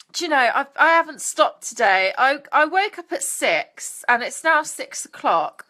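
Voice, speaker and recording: A woman's voice: high voice, animated, moderate pace, bright, forceful tone. A young British woman hosting a casual live stream, bubbly and crude in her jokes, greeting viewers by name. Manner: bubbly, crude jokey asides. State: out of breath.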